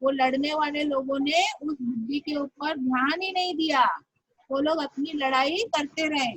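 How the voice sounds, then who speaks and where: A woman teaching English, reading story lines slowly and explaining each word in Hindi. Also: high voice, fairly even intonation, fairly bright tone, dry recording, low-quality recording.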